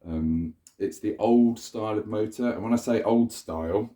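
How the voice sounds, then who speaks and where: In a bright room, a man demonstrates a vacuum cleaner at close range with a handheld camera, his voice on the low side, mellow and moderately paced. A cold makes him sound stuffy, and his casual talk wanders and corrects itself.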